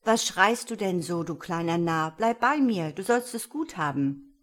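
A woman reading a fairy tale aloud and voicing a clever, friendly little boy with a bright, lively manner. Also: on the low side, measured pace.

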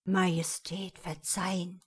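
A woman doing a hushed fussy court marshal. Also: fairly low pitch, level tone, slow pace, husky. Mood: hushed, urgent. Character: fussy old male court marshal, whispering advice.

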